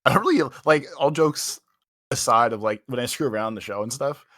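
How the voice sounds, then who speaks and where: Man, podcast co-host, rambling storyteller, mid-pitched voice, dry sound. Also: brisk, dry recording. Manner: rambling, full of "like" fillers, animated retelling. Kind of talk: casual podcast chat, telling a story.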